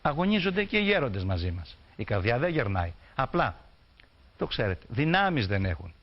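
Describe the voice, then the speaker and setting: A man's voice: mid-range voice, very animated. A man giving an explanatory lecture on folk songs, reciting dialect verses and then explaining them plainly. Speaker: folklore lecturer. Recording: dull lo-fi recording.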